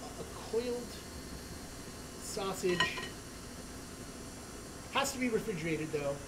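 Here the co-host, a woman, slowly plays a cheery orc butcher of a savage tribe, joking around and delighting in the blood as she hams it up for a cooking stream. Her mid-range voice carries lively intonation. Sound comes from a distant camera in an indoor studio kitchen set, with plenty of room noise.

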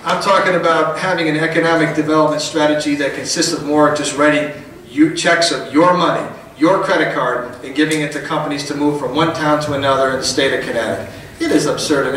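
In a large indoor function hall, a middle-aged politician delivers a folksy, rousing rally speech that builds to emphatic peaks, his voice a little high, fast and fairly bright with fairly even intonation. A far camera records the podium mic, leaving an echoey, distant sound and slight background noise.

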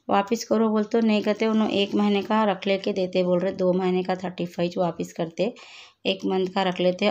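Flat-voiced woman chatting in a vlog. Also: mid-range voice. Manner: chatty, retelling quarrels with quoted lines; worried, complaining tone. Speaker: family vlogger. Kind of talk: casual vlog chat. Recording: slightly dull, lo-fi sound.

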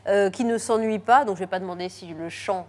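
Woman presenter for a studio chat, lively and quick to react, medium pitch. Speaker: TV host.

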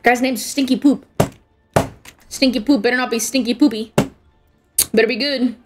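A woman's voice: fairly high pitch, steady tone, normal speed, over music. A young woman streaming a game, chatting casually and giggling as she reacts to the match and her chat.

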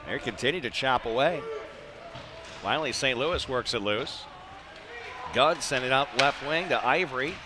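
In an indoor ice arena, a man calls live hockey play-by-play radio-style, speaking in clipped phrases with chatty asides. His medium-pitched voice is animated at a moderate pace with long pauses, against a noisy background.

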